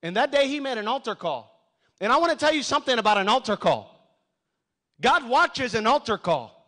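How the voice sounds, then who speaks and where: A middle-aged man preaching a sermon as a pastor, telling his testimony with passion and rising to shouts. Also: extremely high pitch, sing-song, fairly quick. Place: church sanctuary.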